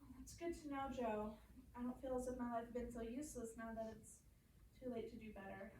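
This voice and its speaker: A modest, gently resigned young sister , acted by a woman, in period-drama style. Her high voice comes from a little distance in an echoey room with faint noise. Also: brisk, close to an everyday voice. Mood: resigned, tender.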